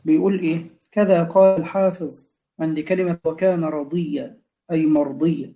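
A man's voice: fairly high pitch, fairly even intonation, normal speed. Egyptian man interjecting, muffled sound. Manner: short interjections and corrections. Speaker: student. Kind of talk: following the reading, correcting and reading notes.

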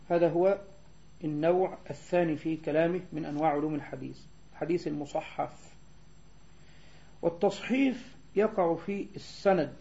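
A man teaching a lesson on hadith sciences, explaining terms and slowing down to recite verses and spell out letters. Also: fairly high pitch, gravelly, mellow. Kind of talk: classroom lecture. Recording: dull lo-fi recording.

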